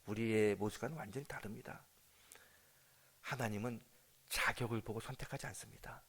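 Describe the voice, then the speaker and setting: A man's voice: on the low side, a little fast, vocal fry, slightly rough. Guy pastor preaching, storytelling mode, acts out the dialogue, keeps asking the congregation stuff. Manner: lively storytelling, acting out family dialogue; addresses the congregation with questions. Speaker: senior pastor. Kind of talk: sermon with storytelling.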